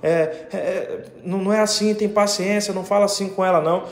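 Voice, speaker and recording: A coaxing wife pleads for calm in a voice lifted high above the teller's own, as a man puts her on. She keeps repeating soft reassurances. The sound bounces in an echoey room. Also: a little fast. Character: wife soothing her angry husband, adult woman.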